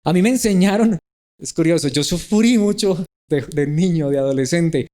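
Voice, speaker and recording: A middle-aged man gives a sermon in a church, putting question after question to his listeners. His voice sits a little high for a man but has a dark, mellow tone. He slips into the voices of the people he quotes. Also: normal speed. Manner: asks the listeners many rhetorical questions. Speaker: preacher.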